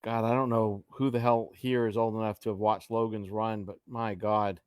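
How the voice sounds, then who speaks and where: A middle-aged man co-hosting a casual live stream, joking with loose, trailing asides and frequent exclamations. His voice sits low. The sound is dry and close, with no room around it. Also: little pitch movement, moderate pace, clean tone, no room sound. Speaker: live chat co-host.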